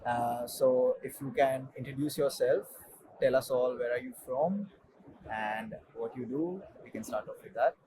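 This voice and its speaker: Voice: medium pitch, unhurried, dark tone, low-quality recording. A host running an interview in a casual way, with frequent short affirmations.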